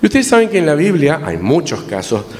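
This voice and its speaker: A man's voice: fairly high pitch, brisk. A man telling an interactive story to children at church, coaxing them to repeat lines after him. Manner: lively, coaxes the audience to repeat lines. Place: church hall. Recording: distant voice in a reverberant hall with faint noise.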